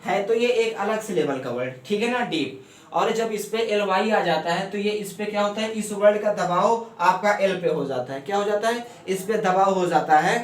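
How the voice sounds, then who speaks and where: A man teaching shorthand step by step, explaining at a board in speech and often asking if it is clear. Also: high-pitched. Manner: steady, repeats "ठीक है ना" often. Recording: echoey room, mic far off, faint hum.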